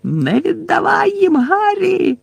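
A frantic teenage boy, his voice cracking high and strained as he shouts in defiance, as a male audiobook reader takes him on. The voice jumps well above the reader's own. It sounds close and dry. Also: huge pitch swings, takes it slowly, creaky, no echo, exaggerated voice. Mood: desperate.

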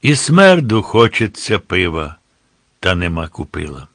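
Guy doing a shy young fella, soft and low, storybook, dry mic. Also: very animated, measured pace, no room sound, exaggerated voice. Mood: timid. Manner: soft, timid. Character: young man, timid and starstruck.

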